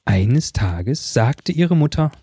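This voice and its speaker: Male storyteller, calm fairy tale reading, dark mellow tone, dry close sound. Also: medium pitch, slow pace, husky, no echo.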